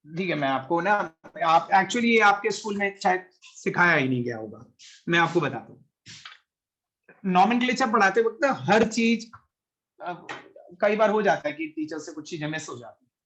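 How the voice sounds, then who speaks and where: A man's voice: sits high, expressive, normal speed, a bit bright. A man teaching a chemistry class online, patiently explaining and calling on students by name, mixing Hindi with English.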